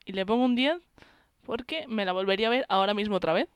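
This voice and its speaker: A woman's voice: mid-range voice, animated, fast, smooth, dry recording, studio quality. A woman with a Spanish accent from Spain, chatting casually and enthusiastically while reviewing a film. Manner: enthusiastic, chatty, laughs often. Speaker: film podcast co-host.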